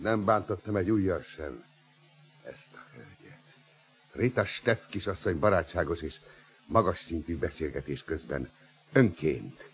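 An actor playing a raving, megalomaniac older mad scientist in a radio play, with a husky voice, shrieking rants and mocking laughter. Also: male voice, low-pitched, a little hiss or hum. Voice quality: husky, gravelly.

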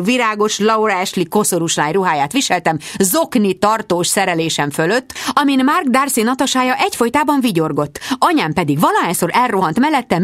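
A woman narrating a novel in first person, with a lively, expressive reading. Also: fairly high pitch, no room sound, clean studio sound. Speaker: audiobook narrator.

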